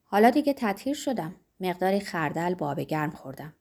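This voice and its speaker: A woman's voice: on the low side, very animated, a little mellow. A woman reading an audiobook, voicing a troubled, brooding young man who is grim and weary. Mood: somber. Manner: grim, weary, bursts into anger.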